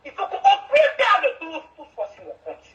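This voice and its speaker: A woman's voice: very high voice, wildly swooping pitch, normal speed, a bit bright, muffled recording, voice pushed up, full character voice. A woman voicing a defensive woman who bickers with her partner, in a comic dub. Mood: sarcastic. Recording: echoey room, from far off.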